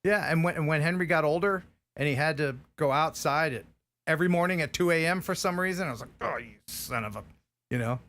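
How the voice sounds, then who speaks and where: Hosting a live stream, a middle-aged man speaks a little fast in a fairly high, fairly bright voice. His casual talk rambles with heartfelt feeling and many restarts as he mourns his lost dog.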